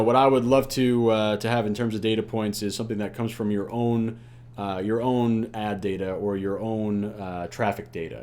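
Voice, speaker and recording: A man's voice: fairly low pitch, a little mellow. A man teaching an online course in a loose, conversational way, full of "you know" and "uh" fillers. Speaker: online ads instructor. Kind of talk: casual unscripted lecture.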